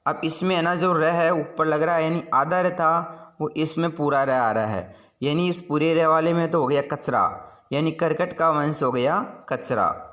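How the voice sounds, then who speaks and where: A man's voice: a little high, sharp tone. Patient male teacher explaining vocabulary. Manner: patient, explanatory, repeats each meaning. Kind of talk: classroom lesson explaining word pairs.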